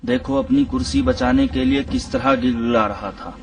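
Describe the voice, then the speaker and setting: A man voicing a stern, devout commander in a dubbed historical drama, speaking in a grave, measured way. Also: very high-pitched, huge pitch swings, gravelly, a little mellow, far from the mic, a little hiss or hum, exaggerated voice.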